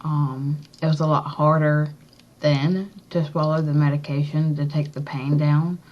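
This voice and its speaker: Female vlogger, unhurried and low, tongue a bit swollen, rambling matter-of-fact delivery, muffled lo-fi audio. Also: level tone. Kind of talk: casual chat to camera, piercing update. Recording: dull, lo-fi recording.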